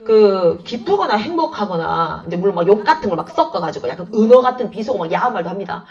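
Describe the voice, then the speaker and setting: Lively woman teacher telling classroom stories. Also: medium pitch, quick pace. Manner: chatty, animated storytelling, acts out dialogue. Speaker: Korean literature teacher. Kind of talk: lecture with anecdotes. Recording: dull, slightly distant lo-fi sound.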